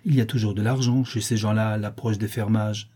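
A man voicing a cold, calculating brigand in an audiobook, calm and authoritative. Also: fairly low pitch, a little fast, husky. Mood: commanding.

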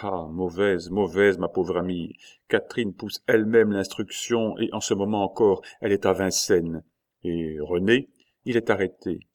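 A man's voice: low voice, unhurried, a little mellow. A man playing a bold playful duchess. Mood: confiding.

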